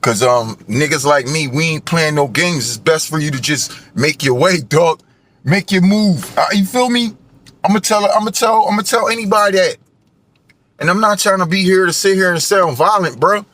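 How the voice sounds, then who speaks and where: A vlogger in his forties rants angrily in a monologue, his high voice bright and at a normal speed. He is heated, profane and preachy, repeatedly tacking "right?" onto his lines.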